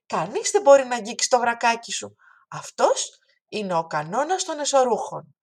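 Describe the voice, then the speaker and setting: A woman's voice: on the high side, big pitch swings, husky, voice pushed up. Woman voicing a kind talking hand. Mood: gentle. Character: friendly helpful talking hand, patient and kind. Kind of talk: storybook reading.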